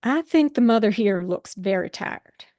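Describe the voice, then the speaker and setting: In a dry recording, a woman talks at a normal speed with a warm, medium-pitched voice, lively intonation, and a near-everyday sound. She reads an improvised script in character as a blunt, gloomy young female writer with an American Southern accent, delivering lines in a dry, contrary manner.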